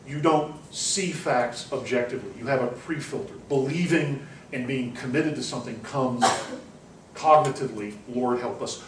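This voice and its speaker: A university lecturer thinks aloud about ideas before a seminar class, speaking at a moderate pace in a mid-range voice full of ums, restarts and self-corrections. The far-off room mic catches him in an echoey classroom, with faint hiss.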